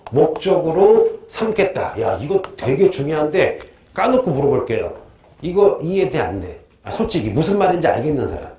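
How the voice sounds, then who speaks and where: A man teaching a history lecture in a lively, joking way, constantly quizzing his students. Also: fairly high pitch. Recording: echoey room, faint noise.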